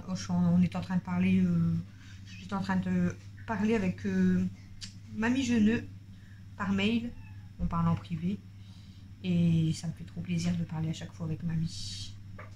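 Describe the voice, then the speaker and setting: A woman chatting on in a casual home vlog, rambling, talkative and excitable. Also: lowish voice, moderate pace, long pauses, slight background noise. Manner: rambling and talkative, jumps between topics; excitable, voice jumps up when worked up. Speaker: family vlogger.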